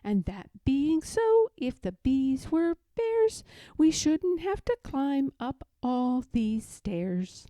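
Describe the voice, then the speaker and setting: A woman's voice: sits high, sing-song, takes it slowly, dark tone, no echo, pitched above the performer's own voice, full character voice. A woman voicing a small male bear from a storybook, earnest and muddled, musing ponderously in a simple-minded way. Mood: singsong. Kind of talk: storybook character voice.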